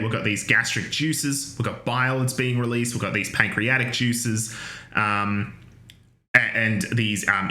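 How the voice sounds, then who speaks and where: This anatomy lecture comes from a male Australian university lecturer whose medium-pitched voice sounds bright and forward. He speaks loosely, trailing off into fillers, restarting sentences, and slipping in jokes. A large-room echo surrounds the audio.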